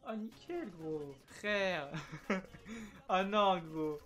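A man's voice: high-pitched, fairly bright tone. A man hosting a gaming video in casual slangy chat, his voice strained and worn out. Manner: slangy, laid-back, rapid asides.

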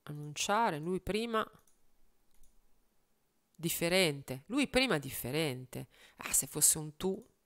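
A woman with a lowish voice mutters through lists of words as she works on a lyric, taking her time over each phrase. She sounds wry and a little self-mocking. The recording is dry and close. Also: expressive, takes it slowly, long pauses, a bit bright, no room sound. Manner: muttering word lists, trying phrases aloud. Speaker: singer and video host. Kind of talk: casual thinking aloud while writing lyrics.

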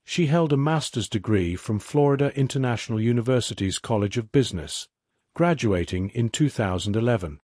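Male narrator, even documentary read, mid voice, dead-dry booth sound. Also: mid-range voice, brisk, no room sound. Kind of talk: scripted narration.

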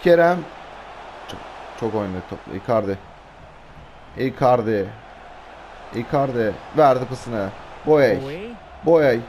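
A hoarse man, giving excitable live commentary over a football video game and shouting out player names in bursts. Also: medium pitch, slow pace, pauses often, crowd noise, low-quality recording. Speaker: gaming YouTuber.

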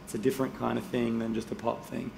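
A man with a strongly gravelly, creaky voice moderates a panel, reading a guest introduction in a relaxed, chatty way. His voice rings through a roomy hall, with faint noise underneath. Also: medium pitch, quick pace. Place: indoor conference stage.

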